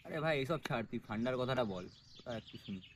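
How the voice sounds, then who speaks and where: A man's voice: medium pitch, lively intonation, fast, a little hiss or hum, natural voice. A man playing a slick, evasive young friend. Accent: Bengali. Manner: soothing, dismissive, brushing off blame. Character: evasive young man, smooth-talking friend who took money. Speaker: actor in a short film. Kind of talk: naturalistic short film acting.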